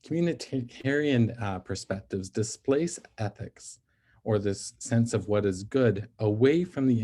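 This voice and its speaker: A man's voice: on the low side, dark tone, breathy edge. A man giving an ethics lecture in an explanatory manner, often checking in with the listeners as he works through each idea. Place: NICU physician.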